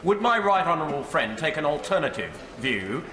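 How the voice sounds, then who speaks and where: Bloke giving a formal parliament speech, highish voice, echo and crowd behind. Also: male voice, big pitch swings, brisk. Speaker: member of parliament. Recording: echoey chamber with crowd noise.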